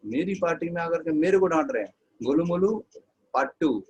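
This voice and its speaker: Indignant young hostess, sassy and high-pitched, put on by a man. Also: lively intonation, fairly quick, darkish tone, muffled recording, a little hiss or hum, close to an everyday voice. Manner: sassy, scolding. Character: indignant young woman party host.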